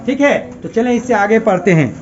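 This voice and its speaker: A man's voice: sits high, animated, brisk, dull audio. A male teacher giving a grammar lesson to a class. He keeps asking questions and repeating the answers as drills.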